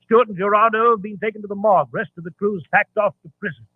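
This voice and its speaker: An actor playing a genial, admiring gentleman doctor, a detective's loyal companion, in 1940s radio drama style. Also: high-pitched, steady tone, fast, slightly rough, no echo. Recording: tinny, dry vintage radio recording.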